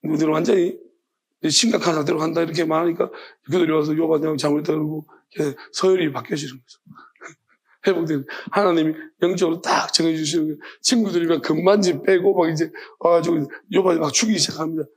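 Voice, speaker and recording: A man delivers a church sermon with a husky, breathy edge to his voice. He sits fairly high for a man and tells the story with animation, slipping into the voices of the people he quotes. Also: fairly even intonation, fast talker. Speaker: pastor.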